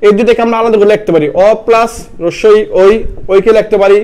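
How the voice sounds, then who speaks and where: A young man with a notably high voice runs a live online grammar class. He repeats every question several times, quizzes his viewers and reads out their comment answers. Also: fairly even intonation, fast, darkish tone. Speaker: admission test tutor.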